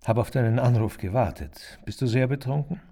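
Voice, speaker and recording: A man voicing a calm woman on the phone who asks dry, teasing questions. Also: medium pitch, a little fast, natural voice.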